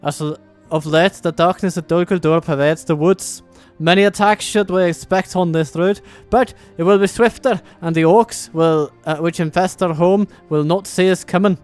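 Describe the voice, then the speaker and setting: Un homme imitant un nain solennel à l'accent écossais. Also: male voice, high voice, fairly even intonation, moderate pace, few pauses, clear, resonant tone, soft background music, close to an everyday voice. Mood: solemn. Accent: put-on Scottish. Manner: grand, old-fashioned storytelling delivery. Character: solemn male dwarf herald with a fake Scottish brogue. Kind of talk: dramatic reading of game briefing text.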